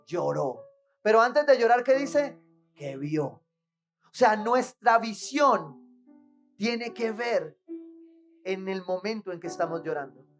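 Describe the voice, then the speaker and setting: A woman's voice: mid-range voice, lively intonation, takes it slowly, pauses often, faint music behind. A woman preaching a sermon in church, asking rhetorical questions and checking in with the congregation.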